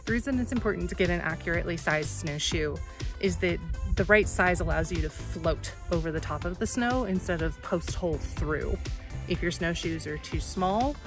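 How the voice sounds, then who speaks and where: Lowish-voiced woman chatting tips on a snowy trail, music going underneath. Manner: friendly, practical, conversational advice. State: a little out of breath from hiking. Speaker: outdoor vlogger. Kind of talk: casual outdoor explainer.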